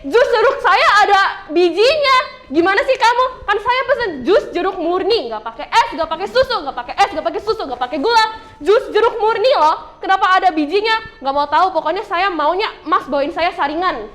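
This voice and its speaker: A woman's voice: extremely high pitch, fairly quick, hardly any pauses, bright, forceful tone. A girl voicing a fussy middle-aged woman customer who whines and shrieks her demands over and over. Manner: whiny, shrieking, repeating herself.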